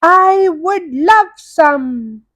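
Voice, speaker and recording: Storybook cat read by a woman: groovy, easygoing, very high, lively swings, slow delivery. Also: heavily acted. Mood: delighted. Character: Pete, groovy, easygoing cartoon cat who sings. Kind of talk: children's storybook character voice.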